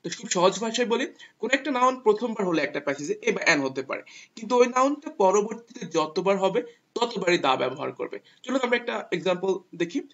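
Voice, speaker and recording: A man's voice: sits high, very animated, brisk, a bit bright. A man teaching English grammar to viewers, patiently repeating each rule step by step. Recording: dull lo-fi sound.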